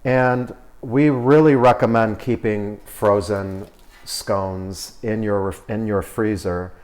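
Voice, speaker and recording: A man co-hosting a home cooking video, walking through baking steps in a relaxed, instructive way. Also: fairly low pitch, takes it slowly. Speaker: cooking show co-host. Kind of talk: cooking demonstration.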